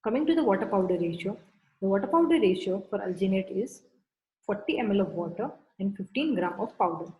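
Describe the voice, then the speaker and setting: A woman's voice: mid-range voice, lively intonation, brisk, dark tone, rough recording. Woman giving a methodical dental lesson. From India. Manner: methodical, listing classifications step by step. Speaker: dental lecturer. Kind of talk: instructional lecture.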